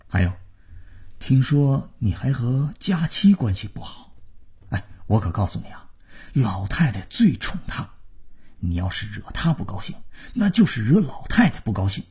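A man voicing a hot-tempered middle-aged father who lectures his son in a husky, hushed, quick scolding voice, for a storytelling broadcast. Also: medium pitch, sing-song, pitched above the performer's own voice. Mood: lecturing.

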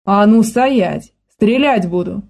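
A woman voicing a spiteful old grandmother who barks and scolds in a hoarse, smoky voice. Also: mid-range voice, slow, a little mellow. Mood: threatening. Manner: barking, scolding.

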